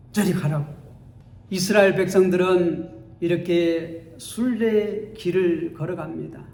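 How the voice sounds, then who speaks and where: A male pastor preaches in a high-pitched voice, taking his time and letting each phrase land. He tells the story dramatically, acting out its scenes. His voice rings around an echoey church sanctuary. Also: a little mellow. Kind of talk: sermon.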